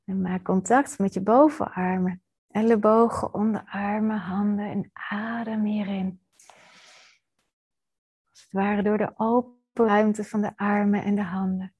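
Slow, husky woman guiding meditation. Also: medium pitch, steady tone. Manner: soothing, gentle instruction with pauses. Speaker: meditation teacher. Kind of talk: guided body-scan meditation.

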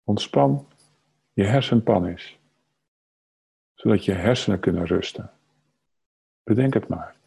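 A man leading a guided meditation, speaking calmly and unhurriedly in short phrases with long pauses and a husky, soft-edged voice. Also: on the low side. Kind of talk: slow guided meditation narration.

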